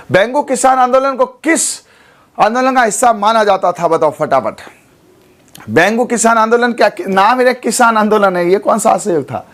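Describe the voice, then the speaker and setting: A man teaching an exam-prep class, hoarse from a sore throat, quizzing students and repeating memory tricks. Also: very high voice, fairly bright tone. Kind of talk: animated online exam lesson.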